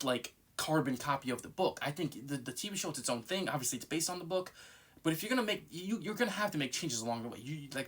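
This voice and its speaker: A man's voice: medium pitch, fairly bright tone. A man giving casual, unscripted fan commentary in a nervous, rambling way, circling back and repeating himself.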